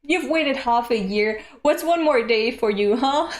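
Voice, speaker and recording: A woman in her late twenties talks to her stream viewers in a relaxed, unhurried way. Her voice sits a little high, and she comes across as candid and self-deprecating, swearing casually as she muses. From Europe. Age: late 20s. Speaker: streamer reading comics aloud. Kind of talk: casual live-stream chat.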